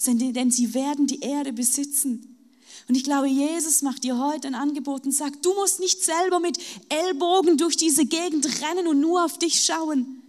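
A woman's voice: high-pitched, moderate pace, darkish tone. A woman preaching a sermon, speaking straight to her listeners and voicing Jesus's invitations to them. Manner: addresses listeners directly, voices Jesus's invitations.

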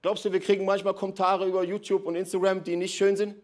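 A man preaching an energetic sermon in a large church hall, swinging from loud emphatic bursts to quiet low asides. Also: quick pace. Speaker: pastor.

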